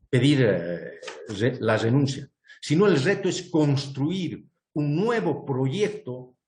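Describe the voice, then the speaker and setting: A man's voice: medium pitch, darkish tone. Man, guest panelist, earnest and argumentative, fillers and restarts, echoey room. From Bolivia. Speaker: guest speaker presenting a proposal. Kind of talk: online panel talk.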